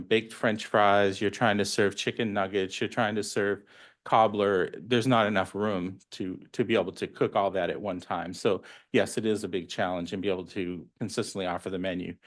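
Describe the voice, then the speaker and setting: Man, school nutrition director, lowish voice, plain and explanatory, answers a board's questions, lots of ums. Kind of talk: explaining at a public board meeting.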